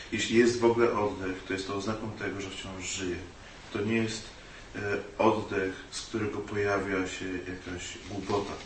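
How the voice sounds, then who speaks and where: Hesitant male interpreter, low voice. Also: fairly bright tone. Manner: hesitant, many filler sounds. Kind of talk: consecutive interpreting of a dharma talk. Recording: echoey room, distant mic, faint hiss.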